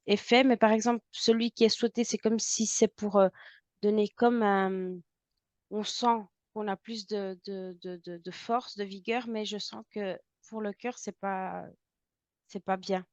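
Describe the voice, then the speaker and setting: French woman, slow halting talk full of fillers, dry close sound. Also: medium pitch, dry recording, dull audio. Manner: halting, searching for words, many fillers. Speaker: intuitive medium. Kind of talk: hesitant channeled description.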